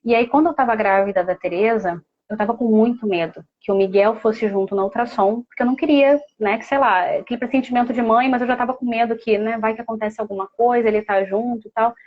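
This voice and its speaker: A woman's voice: a little high, quick pace, few pauses, muffled recording. A mother speaking as a guest, telling a personal story in a heartfelt, casual way with many fillers.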